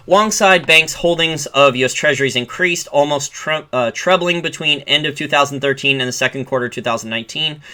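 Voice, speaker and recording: A man's voice: mid-range voice, bright, forceful tone. A man giving solo commentary, reading from a report and breaking off into sarcastic rants. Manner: sarcastic, ranting asides. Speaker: finance commentator.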